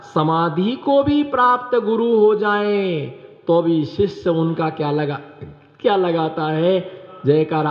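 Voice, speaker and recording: Man, monk preacher, high voice, quizzes his listeners, echoey hall. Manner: rhetorical questions to the audience, repeats phrases. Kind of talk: sermon with storytelling. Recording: echoey hall, dull sound.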